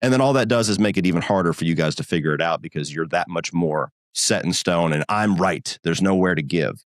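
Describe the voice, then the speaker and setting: A man's voice: low voice, fairly quick, no echo, clean studio sound. A man co-hosting a podcast in casual chat, talking bluntly and with plenty of profanity and restarts. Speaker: podcast co-host.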